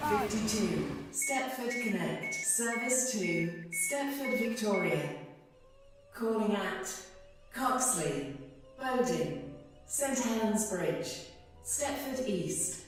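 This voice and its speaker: An automated woman's voice reading platform announcements over a station PA system, in a measured, evenly spaced way. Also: mid-range voice. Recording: very echoey station loudspeaker.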